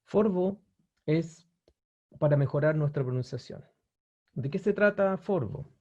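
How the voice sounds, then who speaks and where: Guy teaching a webinar over a computer mic, kinda higher voice, lots of "eh" and restarts, muffled lo-fi sound. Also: expressive, a little slow, dark tone. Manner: explanatory, with frequent fillers and restarts, addresses viewers with "¿ya?". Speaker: language teacher presenting a webinar. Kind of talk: online webinar presentation.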